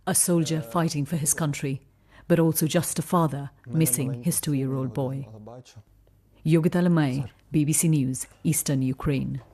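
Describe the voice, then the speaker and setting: A woman reporting as a war correspondent, narrating a scripted frontline news report in a grave, measured way. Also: deep voice, steady tone, mellow, a little hiss or hum.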